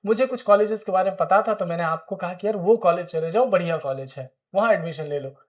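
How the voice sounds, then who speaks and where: High-voiced Indian English teacher. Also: male voice, fast, muffled recording. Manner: explains words in Hindi, checks in with "ठीक है?". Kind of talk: spoken English lesson.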